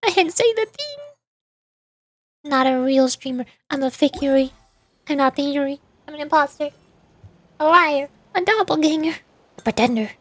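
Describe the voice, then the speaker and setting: A woman livestreams a game, reading dialogue aloud and chatting playfully with viewers in a teasing, rambling way, with music playing in the background. Her high voice is animated, at a moderate pace with frequent pauses.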